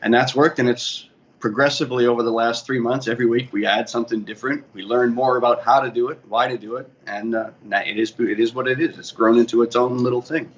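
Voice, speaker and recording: A man's voice: mid-range voice, fairly even intonation, fast. A man with a Boston accent, telling his career story in a casual interview and often correcting himself. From Boston area, USA. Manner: rambling, self-correcting storytelling. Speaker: guest, DJ and bar manager. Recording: muffled audio with faint ambient noise.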